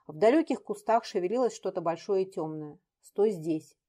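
A woman narrates a novel at a steady, even pace. Her reading voice sits in an ordinary middle pitch. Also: fairly quick. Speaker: audiobook narrator. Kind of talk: audiobook narration.

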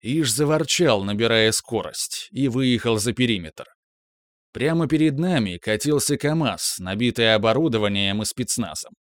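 A man reading a novel aloud in the first person, with steady, measured storytelling. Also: medium pitch, no echo, studio quality. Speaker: audiobook narrator. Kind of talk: first-person audiobook narration.

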